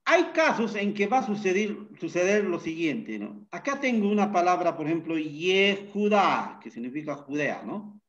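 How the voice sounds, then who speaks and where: A man teaching a Bible Hebrew class, unhurried, often pausing with fillers and checking in with tag questions. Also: high voice, big pitch swings, muffled recording. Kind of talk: classroom lecture.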